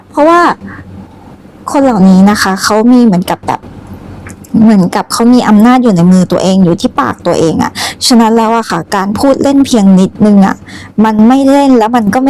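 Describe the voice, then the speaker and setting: A woman giving a spiritual tarot reading, talking in a soft, conversational way with many polite particles. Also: medium pitch, a little hiss or hum, rough recording. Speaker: tarot reader.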